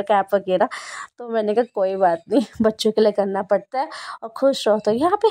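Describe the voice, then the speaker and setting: A woman's voice: a little high, mellow, dry recording. A young woman narrating her family vlog in a chatty way, often laughing as she talks. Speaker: vlogger. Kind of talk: casual vlog voice-over narration.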